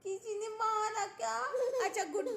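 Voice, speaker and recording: A woman's voice: very high voice, level tone, moderate pace, gravelly, reverberant, noisy background. A mother at home coaxing her baby in sing-song baby talk. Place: indoors at home.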